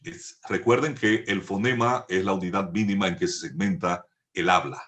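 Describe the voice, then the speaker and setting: A man teaching a voice and speech lesson, measured and instructive, drawing out each vowel as he demonstrates. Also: deep voice, a bit bright. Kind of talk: slow, deliberate voice lesson.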